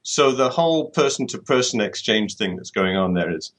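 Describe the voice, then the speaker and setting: A man's voice: lowish voice, animated, normal speed, fairly bright tone. A man from the UK, an author giving an interview and reasoning things through, often repeating words as he thinks. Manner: thoughtful, restarts and repeats words while reasoning. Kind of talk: conversational interview.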